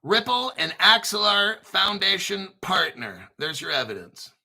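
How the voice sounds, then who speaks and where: A man hosting an informal crypto commentary, talking through articles in an excitable, sarcastic way, swearing and often clearing his throat. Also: high-pitched, measured pace. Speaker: crypto video host.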